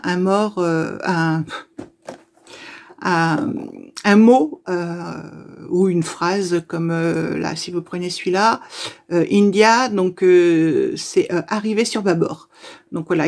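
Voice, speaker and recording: A woman chatting casually to her viewers as she unboxes things, talking with many pauses, fillers and restarts. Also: lowish voice, a little mellow. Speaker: YouTuber opening advent calendars. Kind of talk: casual unboxing chat to camera.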